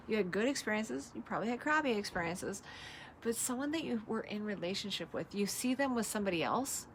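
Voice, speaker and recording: A woman's voice: a little high, a bit bright, slight background noise. A woman in a casual, chatty talk with a co-host, speaking animatedly on an outdoor balcony. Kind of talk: casual chat.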